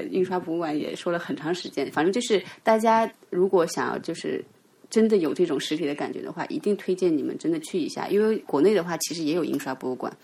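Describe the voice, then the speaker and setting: A woman with a rather low, husky voice chats quickly as a podcast co-host. She is brisk and playful and teases her partner. Her sentences tumble out fast. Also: mellow. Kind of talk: casual chat.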